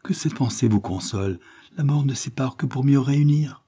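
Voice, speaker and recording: A man's voice: mid-range voice, normal speed, warm tone, husky, voice pushed up, lightly acted. A man reading aloud, voicing a grieving young governess who pleads with trembling emotion. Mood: anxious tender. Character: grieving governess, a young woman hiding her sorrow.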